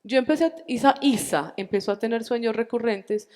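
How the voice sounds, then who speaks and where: Colombian lady in her 40s telling her faith testimony, animated, acts out the dialogue, lots of hall reverb. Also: a little high, brisk. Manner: animated storytelling, acting out dialogue. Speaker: testimony speaker at a church retreat.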